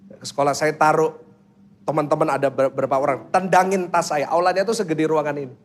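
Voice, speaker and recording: Male pastor, sermon in a church hall, slightly high voice, storytelling, quick questions to the crowd. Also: steady tone, slight background noise. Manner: quizzes the congregation with quick questions; storytelling that acts out children's voices.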